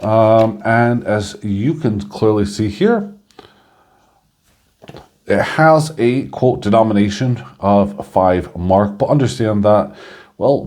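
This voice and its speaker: Mellow low-voiced man reviewing coins. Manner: chatty, chuckling, frequent ums and uhs. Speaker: coin reviewer and channel host. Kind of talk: casual coin review narration.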